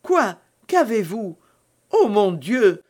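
A woman's voice: medium pitch, expressive, a little slow, close to an everyday voice. A woman reading a novel aloud, voicing a trusting young novice nun with an eager, pleading manner. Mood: alarmed. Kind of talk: audiobook character reading.

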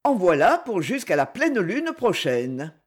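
A man's voice: high voice, huge pitch swings, unhurried, exaggerated voice. A man voicing a nonchalant, teasing young husband in a storybook reading, phlegmatic and mocking.

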